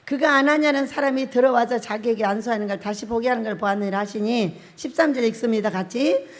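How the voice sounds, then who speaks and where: A woman's voice: a little high, fast talker, big-room sound. A woman pastor preaching a chatty, storytelling sermon, laughing often and acting out quotes. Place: prayer-house church sanctuary.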